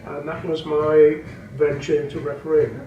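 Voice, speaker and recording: Looking back on his career as a snooker coach and referee, this Welsh-first-language man in his eighties speaks at a moderate, unhurried pace with many ums and restarts. His voice sits on the high side with little pitch movement. The interview audio is narrow and tinny, captured by a distant mic in an echoey room with background noise.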